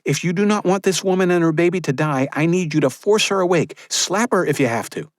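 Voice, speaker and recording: Here a man voices a woman midwife who is urgent and commanding, pitching his voice above his own natural one while keeping it close to everyday speech. He speaks on the high side and fairly quickly. The sound is clean studio audio with no room sound.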